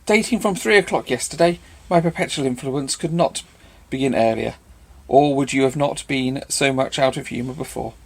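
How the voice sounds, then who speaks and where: A man voicing a clever young woman in an audiobook reading, quick and lightly mocking. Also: medium pitch, close to an everyday voice. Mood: teasing.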